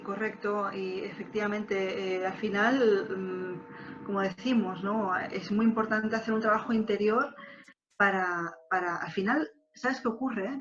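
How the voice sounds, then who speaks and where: A woman interview guest, a wedding planner, speaking reflectively and hesitantly with many pauses and fillers. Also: medium pitch, a little hiss or hum. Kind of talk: reflective conversation. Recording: slightly dull lo-fi audio.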